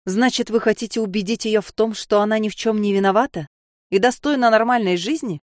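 A woman's voice: fairly low pitch, a little fast, no echo, clean studio sound, close to an everyday voice. A woman voicing a stern female judge inside the heroine's head, speaking with sarcastic reproach. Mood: indignant.

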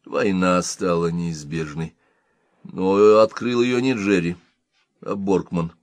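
A man reading an audiobook in measured, expressive narration. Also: sits low, no room sound. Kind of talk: scripted narration.

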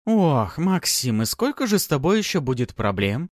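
A man's voice: on the high side, very animated, moderate pace, dry recording, studio quality, pitched above the performer's own voice. A man voicing a haughty, teasing noblewoman in an audiobook, commanding and mock-sweet. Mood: imperious. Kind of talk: audiobook character voice.

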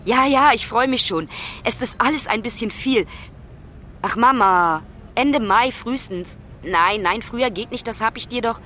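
A woman's voice: a little high, moderate pace, sharp tone, slight background noise. An actress playing a lonely young woman who calls her mother from abroad, talking urgently and pleadingly. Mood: chatty. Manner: urgent, pleading phone talk. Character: lonely young woman traveller, anxious and affectionate. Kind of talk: radio play acting.

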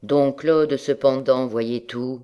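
A woman reading a classic novel aloud as an audiobook narrator, in a measured, expressive way. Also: very deep voice, smooth, dull audio. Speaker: audiobook reader. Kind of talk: scripted narration.

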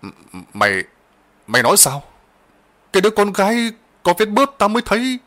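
A man voicing an old rural master who is gruff, bossy and blustering, and who stammers in fear. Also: high voice, wildly swooping pitch, fairly quick, sharp tone, voice pushed up, full character voice. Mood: stammering scared.

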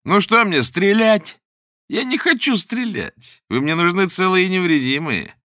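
A man reading an audiobook plays a menacing, unhinged stalker who calls out high and loud. He stretches his words slowly in a mock-sweet singsong that turns threatening. The voice is bright and close. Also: very animated, no room sound. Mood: coaxing menace.

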